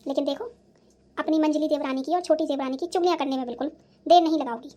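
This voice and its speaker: A sarcastic, self-pitying old mother-in-law in a cartoon who scolds her daughters-in-law, played by a woman. Her voice sits high. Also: steady tone, quick pace, mellow, natural voice. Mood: scolding. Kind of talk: cartoon voice acting.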